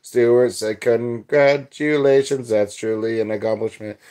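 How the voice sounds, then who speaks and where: A man's voice: medium pitch, fairly even intonation, measured pace, warm tone. A young man hosting a livestream, chatting casually and reading out viewer comments in a loose, rambling way. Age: young adult. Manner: rambling, loose, filler-heavy chat. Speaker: livestream host.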